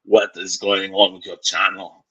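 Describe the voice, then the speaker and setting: A man's voice: sits low, flat delivery, measured pace, sharp tone, slightly rough, low-quality recording. A man casually hosting an online round table, steering the chat between guests.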